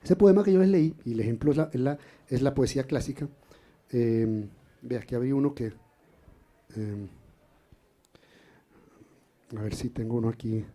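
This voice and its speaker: A man, a singer and poet explaining rhythm in poetry in a relaxed café talk. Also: mid-range voice. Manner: explanatory, chants rhythm syllables. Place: café event in Cali.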